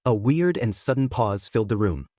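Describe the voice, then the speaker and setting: A man reads fanfiction aloud with a steady, plain delivery. His pitch moves in lively swings, and the recording is dry and close, with no room sound. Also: normal speed, dry recording. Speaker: fanfiction reader. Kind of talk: storytelling narration.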